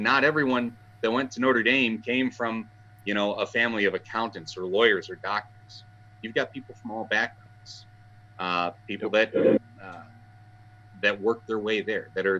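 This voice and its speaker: A man, talking eagerly and a bit haltingly as an interview guest, often repeating words as he starts a sentence. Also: on the low side, pushed and bright, highs cut off. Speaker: guest, fan site writer. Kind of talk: casual interview talk.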